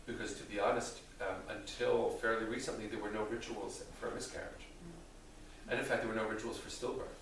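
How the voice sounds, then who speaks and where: A man speaking as a rabbi, answering theological questions in a deliberate, thoughtful way with careful qualifications. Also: fairly low pitch, little pitch movement, vocal fry, a bit bright. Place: reverberant indoor room with an audience. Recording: very echoey room, distant mic, faint noise.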